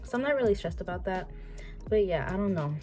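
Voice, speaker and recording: A woman's voice: mid-range voice, expressive, fairly quick, dark tone, faint music behind. A woman in her twenties chatting casually to camera, rambling with many fillers and restarts. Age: 20s. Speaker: vlogger.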